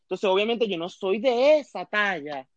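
A man co-hosts a comic podcast with a lively, swooping voice, full of theatrical mockery. He acts out other people's lines in exaggerated tones. The recording sounds dry and a little dull, with no room echo. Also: high-pitched, normal speed. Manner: theatrical, mocking, plays voices of others in quotes. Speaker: podcast co-host. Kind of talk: comic mock advice chat.

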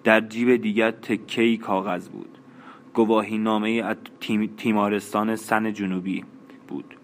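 Low-voiced male audiobook narrator, measured and even. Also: a little hiss or hum.

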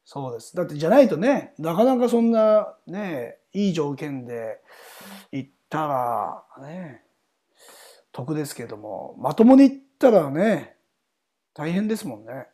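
A man's voice: a little high, big pitch swings, unhurried, warm tone. A middle-aged man hosting a podcast, speaking in a chatty, informal way as interviewer and narrator. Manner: chatty, informal, seeks agreement often. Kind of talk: casual interview chat and programme narration.

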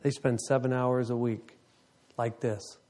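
Animated fifty-something man telling a story. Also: a little slow. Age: 50s. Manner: animated storytelling, voice surging high with excitement. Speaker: ministry leader. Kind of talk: emotional testimony to a congregation.

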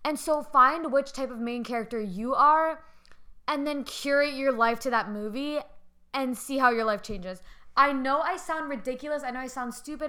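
A woman's voice: on the high side, pushed and bright. A woman hosting a casual solo podcast from home, rambling with many fillers and restarts. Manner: rambling, filler-heavy, lots of "like". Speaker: podcast host. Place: home with family nearby.

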